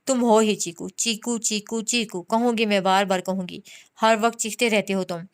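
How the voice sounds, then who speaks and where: A woman's voice: mid-range voice, fairly even intonation, moderate pace, clean tone, close to an everyday voice. A woman reading as a teasing, stubborn young woman. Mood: taunting. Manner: taunting, mischievous.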